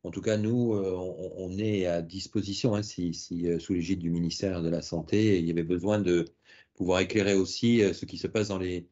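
A man speaks in a very deep, dark voice, measured and halting and often repeating words. He is a guest on a video call, and the audio is dull and lo-fi. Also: fairly even intonation. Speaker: director of a regional health agency, guest.

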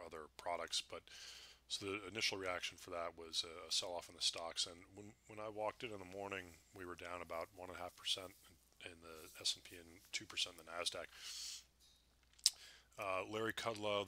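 A man's voice: deep voice, fairly even intonation, moderate pace, pushed and bright. A man with the hiccups giving casual market commentary over charts, talking conversationally with many fillers and restarts. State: has the hiccups.

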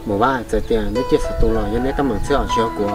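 A gruff, booming figure, which a woman acts out with a voice pushed extremely low. The delivery rattles off at a rapid clip, and the voice sounds set back from the microphone over a strong music bed. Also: sing-song, full character voice. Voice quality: very deep, put-on low voice. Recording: distant from the mic.

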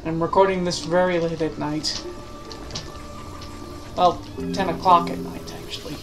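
Casual woman gamer over loud music. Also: fairly low pitch, steady tone, measured pace. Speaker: gaming video host. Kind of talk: casual gameplay commentary. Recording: loud game music behind voice. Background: game music.

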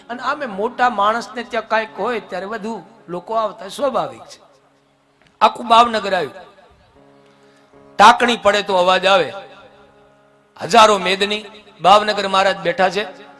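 A man's voice: high voice, pushed and bright. A man telling a devotional folk story with dramatic, impassioned narration. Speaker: religious storyteller.

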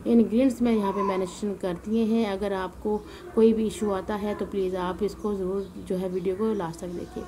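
A woman's voice: medium pitch, level tone, a little fast, hardly any pauses, noisy background. Tired woman cooking voice-over. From Punjab, Pakistan. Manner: chatty and homely, sprinkles devotional exclamations. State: tired and weary from fasting. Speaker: cooking channel host. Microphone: voice-over mic, not in the pictured kitchen.

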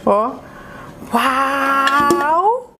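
A woman's voice: high voice, lively intonation, extremely slow, bright, forceful tone, slight background noise. A woman with a Brazilian Portuguese accent hosting a chatty cooking demonstration in a kitchen, effusive and exclamatory, fondly addressing her viewers. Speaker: cooking show host.

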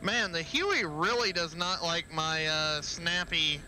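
A man's voice: a little high, slow pace, bright, forceful tone, slight background noise, poor audio. A man streaming a helicopter flight sim, chatting casually with teammates over voice comms and laughing often. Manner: laid-back, laughing often.

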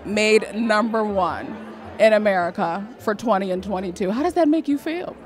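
A woman's voice: mid-range voice, animated, moderate pace, faint music behind. Woman, red carpet interviewer, chatty questions, handheld mic, faint crowd chatter. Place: red carpet press wall at an event. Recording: crowd chatter behind, event hall.

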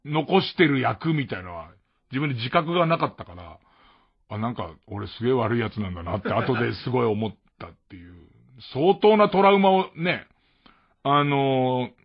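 A man's voice: medium pitch, slightly rough. A man from Tokyo with a Tokyo accent hosting a late-night radio show, rambling through a casual, self-mocking monologue with frequent chuckles. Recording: muffled mono radio archive.

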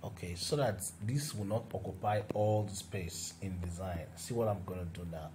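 A man's voice: low voice, moderate pace, noisy background. A man walking through a graphic design tutorial step by step as he works on screen, with fillers and restarts. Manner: talks through each step while working, with fillers and restarts. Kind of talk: screen-recorded software tutorial.

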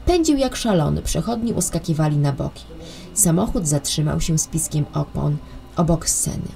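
A woman narrating a children's audiobook in a calm, expressive way. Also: deep voice, normal speed, creaky, faint music behind. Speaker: storyteller.

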